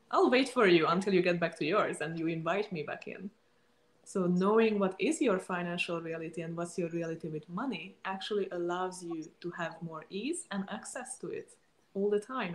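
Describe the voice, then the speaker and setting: A woman's voice: mid-range voice, reverberant. A woman talking about money in an upbeat, chatty way, acting out little quotes. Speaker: guest speaker on money mindset. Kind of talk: casual motivational talk.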